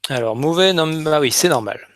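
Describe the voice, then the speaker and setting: A man's voice: fairly high pitch, lively intonation, normal speed, a bit bright, no room sound. A man from France giving a live coding talk, hesitant, with many restarts and fillers. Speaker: conference speaker.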